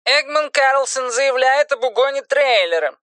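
A man's voice: extremely high pitch, expressive, unhurried, sharp tone, dry recording, pitched above the performer's own voice, exaggerated voice. A man voicing a nasal woman police dispatcher heard over a car radio, in a read-aloud story. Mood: flat, official. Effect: radio transmission.

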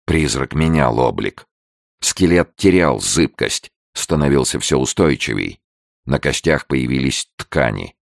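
A man reads a story aloud in a very deep voice with heavy gravel in it. His delivery is steady and measured, in a dry, close sound. It is classic audiobook narration. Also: dry recording.

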